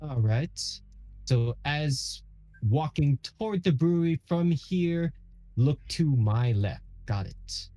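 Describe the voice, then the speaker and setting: Mellow-voiced man playing a tabletop game. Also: fairly high pitch, expressive, slow pace, no echo. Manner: musing, hesitant, thinks aloud. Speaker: player. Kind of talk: casual tabletop game play.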